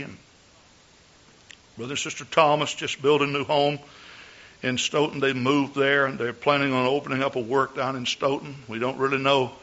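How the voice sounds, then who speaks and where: A man's voice: mid-range voice, fairly bright tone. A man speaking as a pastor, addressing and exhorting his Pentecostal congregation. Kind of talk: Pentecostal church sermon and exhortation. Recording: dull, lo-fi church recording.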